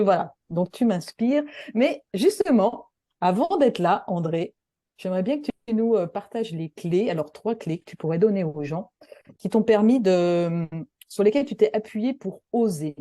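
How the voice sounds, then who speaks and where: A woman's voice: mid-range voice, mellow, no room sound, studio quality. A woman co-hosting a casual interview, enthusiastic and full of fillers. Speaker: interview co-host.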